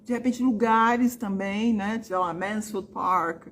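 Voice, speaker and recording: Woman host, casual and demonstrative, drawing out words slowly, with a little background hiss. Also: mid-range voice. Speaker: book channel host teaching English pronunciation. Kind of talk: casual video lesson.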